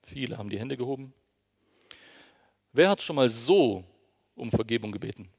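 Gravelly-voiced man preaching in a hall. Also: medium pitch, lively intonation, normal speed, a little mellow. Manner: earnest, emphatic, addresses congregation directly. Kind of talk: sermon. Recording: long reverb of a hall.

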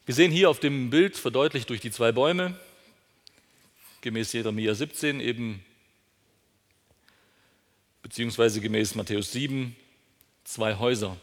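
A man's voice: mid-range voice, normal speed, long pauses. A man preaching a sermon, asking questions and answering them himself, pushing key words up with emphasis. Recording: long hall reverb.

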